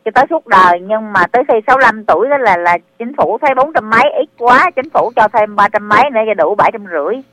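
A woman's voice: mid-range voice, animated, fast talker, hardly any pauses, a bit bright, low-quality recording. A woman calling in to a radio advice show, asking on behalf of a friend and stumbling over repeated words as she explains. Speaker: caller. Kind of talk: call-in question.

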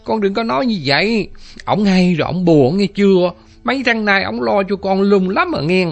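A man's voice: sits high, lively intonation, moderate pace, creaky, pitched above the performer's own voice. A man voicing a pious, fretful elderly mother who lectures and pleads, repeating her words. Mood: pleading.

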